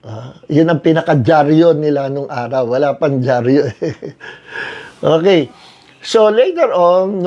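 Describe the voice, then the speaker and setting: A middle-aged Filipino pastor with a fairly high voice leads an online Bible study in an easy, chatty way. He slips English terms into his talk and keeps checking in with his listeners as he explains. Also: a little mellow, muffled recording. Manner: chatty, mixes English terms, frequent "no?" tag questions, chuckles. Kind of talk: conversational Bible study teaching.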